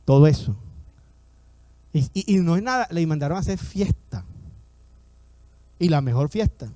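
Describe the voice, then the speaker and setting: A man's voice: a little high, warm tone, dry recording. A male pastor preaching an emphatic sermon, calling on the congregation to repeat his words and acting out the voices in his stories. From Latin America. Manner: emphatic, repeats lines and calls on the congregation to respond.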